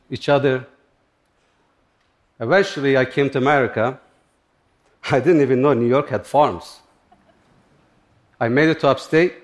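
Man from Turkey telling a story. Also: medium pitch. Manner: plain, halting non-native English with short phrases. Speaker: speaker giving a talk. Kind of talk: personal storytelling talk.

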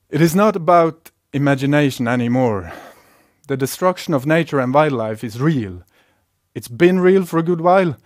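Calm Norwegian man, dry sound. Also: medium pitch, no echo. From Norway. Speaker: speaker giving a talk. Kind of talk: prepared talk.

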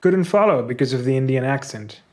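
A man's voice: mid-range voice, lively intonation, a little fast, darkish tone, lightly acted. A man with a Pakistani accent voicing blunt, dismissive adult male internet commenters. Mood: snarky.

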